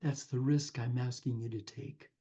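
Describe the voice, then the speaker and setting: A man's voice: medium pitch, steady tone, moderate pace, mellow, husky, dull audio. A man giving an earnest inspirational talk, telling a parable and calling the listener his friend. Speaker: spiritual speaker.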